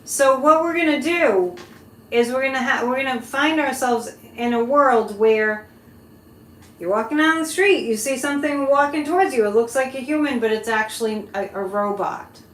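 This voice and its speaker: Chatty woman, higher voice, roomy echo. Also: normal speed, a bit bright. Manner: conversational, addresses listeners directly. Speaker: psychic live-stream host. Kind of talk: casual chat with live viewers. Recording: roomy echo, background noise.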